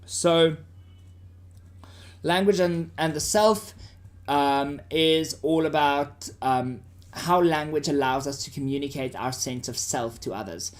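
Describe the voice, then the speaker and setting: A South African-accented man teaches students informally and conversationally, frequently checking that they understand. His voice is a little high and he takes things slowly.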